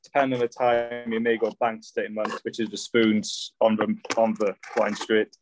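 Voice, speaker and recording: A man's voice: fairly low pitch, flat delivery, normal speed, faint music behind, low-quality recording. A young man from Swansea with a Swansea Welsh accent, chatting casually as a guest on a podcast. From Swansea, Wales. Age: young adult.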